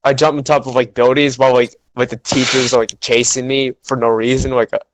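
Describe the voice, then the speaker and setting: A man's voice: medium pitch, level tone, a little fast, dry recording, low-quality recording. Rambling young man on a dry mic. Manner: rambling, heavy filler words. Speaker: podcast co-host. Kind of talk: casual chat.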